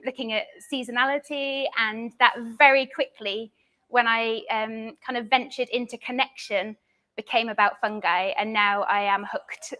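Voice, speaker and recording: A woman's voice: on the high side, pushed and bright. A woman artist introducing herself at a live panel talk in a chatty, lightly self-deprecating way. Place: live talk event before an audience.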